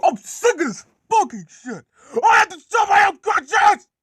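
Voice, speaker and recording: A man voicing a huge, proud, grumpy male express engine, shouting in strained, drawn-out outrage. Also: extremely high pitch, sing-song, dry recording, studio quality, voice pushed up, exaggerated voice. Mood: outraged.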